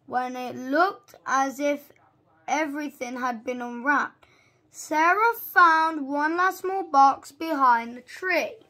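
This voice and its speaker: High, bright young reader, slow and halting. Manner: halting read-aloud with stumbles and repeated words. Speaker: amateur storybook reader. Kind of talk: reading a storybook aloud.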